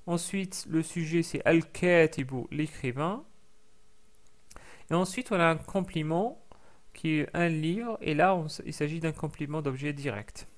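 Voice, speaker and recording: In this recorded language lesson, a man whose voice sits on the higher side walks through the material with patience. He fills his speech with lots of fillers and says the example sounds again slowly.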